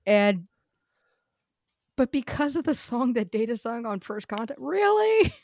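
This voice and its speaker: A woman chatting casually with friends, animated and laughing, with quick restarts. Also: a little high, slight background noise. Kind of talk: casual chat.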